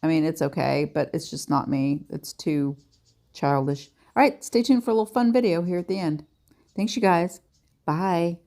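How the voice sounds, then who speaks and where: A woman's voice: fairly low pitch, lively intonation, moderate pace, dark tone. A woman giving a chatty, self-deprecating nail art tutorial in a casual voice-over.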